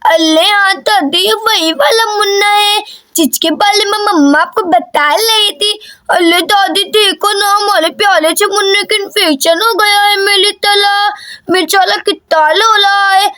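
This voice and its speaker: A woman's voice: very high-pitched, fairly even intonation, measured pace, sharp tone, full character voice. Woman doing a chattering little girl. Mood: eager. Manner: eager, chattering, childlike. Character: chatty little girl doting on baby brother.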